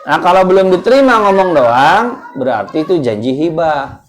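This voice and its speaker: A man's voice: fairly high pitch, animated, moderate pace, slight background noise. A man giving a casual religious lesson at a home gathering, talking in a conversational way and quizzing his listeners with questions. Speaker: ustaz teaching a religious study group.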